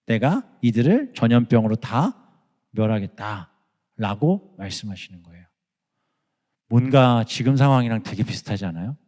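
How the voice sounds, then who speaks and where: A man preaching a youth sermon as pastor, animated, acting out voices and prayers. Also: mid-range voice, moderate pace, big-room sound.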